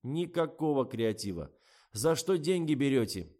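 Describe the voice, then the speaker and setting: A man voicing a stiff, deadpan young male company representative in a suit. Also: mid-range voice, a little slow, voice pushed up.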